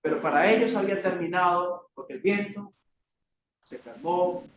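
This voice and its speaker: A man's voice: high voice, moderate pace, recorded from a distance. A man with a Colombian Spanish accent preaching a sermon, asking rhetorical questions and acting out cries for help. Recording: roomy, dull church recording.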